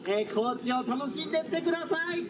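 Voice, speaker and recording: A man's voice: extremely high pitch, lively intonation, fast talker. A man playing a boastful old-time tycoon introducing himself at a live event. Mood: proud. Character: boastful samurai-era tycoon, the troupe's rich man. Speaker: costumed tourism-troupe performer. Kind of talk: stage self-introduction. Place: open-air city plaza stage. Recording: distant mic, loud crowd and street noise.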